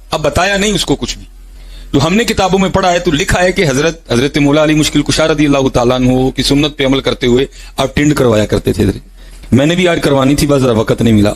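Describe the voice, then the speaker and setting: A man's voice: medium pitch, darkish tone, husky. A man, preaching and telling a devotional story in a rhetorical way, often addressing his listeners directly.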